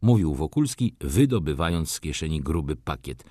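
A male audiobook narrator reading a classic novel in a very deep voice. He is measured but expressive, with lively rises and falls in pitch, and the sound is dry and close. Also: no echo.

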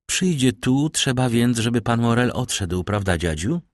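A man reading an audiobook, voicing a gentle, anxious young woman. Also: medium pitch, expressive, normal speed, no room sound, voice pushed up, close to an everyday voice. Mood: tender.

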